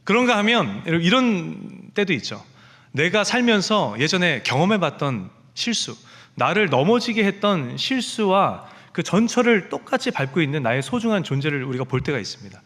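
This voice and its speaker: A man's voice: on the high side, very animated, moderate pace, fairly bright tone, long reverb tail. A man preaching a sermon as pastor, telling stories and acting out the voices of the people in them. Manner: storytelling, acting out quoted speech. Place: church sanctuary.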